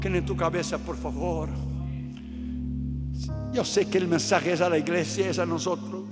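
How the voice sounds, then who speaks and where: High-voiced impassioned man preaching in a hall. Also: steady tone, normal speed. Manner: impassioned, builds to shouted repeated phrases. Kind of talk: sermon. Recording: long hall reverb with faint music.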